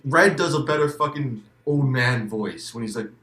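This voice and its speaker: Bright-voiced stammering man, echoey room. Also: mid-range voice, moderate pace. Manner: stammering restarts, emphatic, swears freely. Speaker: guest. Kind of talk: casual game discussion.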